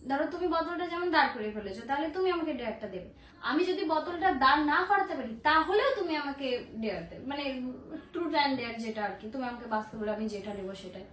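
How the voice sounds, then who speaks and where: A woman's voice: high-pitched, expressive, rapid-fire, a bit bright, recorded from a distance. A woman, chatting and teasing as she hosts a casual vlog, explaining things at length. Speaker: vlogger. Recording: echoey room with faint noise.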